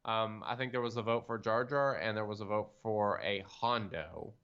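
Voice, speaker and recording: A man's voice: fairly low pitch, fairly even intonation, moderate pace, a bit bright, clear, resonant tone, lo-fi sound. A man co-hosting a podcast, chatting casually and rambling through lots of fillers. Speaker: podcast co-host. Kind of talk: casual chat.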